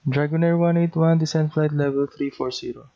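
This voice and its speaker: A man with a Filipino accent and a slightly high, steady, mellow voice talks briskly. He uses the clipped, procedural manner of an air traffic control demonstration, and the lo-fi recording sounds dull.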